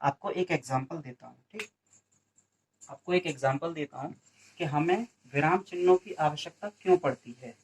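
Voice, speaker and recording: A man's voice: on the high side, moderate pace, slightly rough. A man from India teaching a Hindi grammar lesson for an exam coaching class, who asks questions and answers them himself and keeps adding "okay". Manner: repeats questions and answers them, frequent "ठीक है" fillers.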